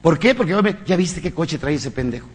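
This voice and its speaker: A man with a Mexican accent lecturing an audience in a motivational talk, his voice sitting a little high for a man. He preaches emphatically, firing off rhetorical questions and crude jokes. The sound rings with the long reverb of a large hall. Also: animated, brisk, a little hiss or hum. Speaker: motivational speaker.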